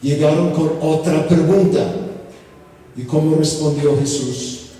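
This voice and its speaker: A man preaching a sermon as pastor, teaching slowly and deliberately with rhetorical questions. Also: on the high side, steady tone, warm tone. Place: church hall. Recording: echoey hall from far off, faint ambience.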